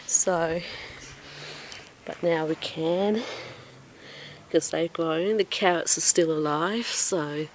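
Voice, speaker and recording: A woman's voice: low-pitched, slow pace, long pauses, slight background noise. A woman giving a casual walkthrough of her backyard garden, chatty and self-deprecating, a little out of breath, recorded outdoors on a phone. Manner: chatty, self-deprecating, with frequent ums and laughs. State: slightly out of breath. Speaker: home gardener vlogger.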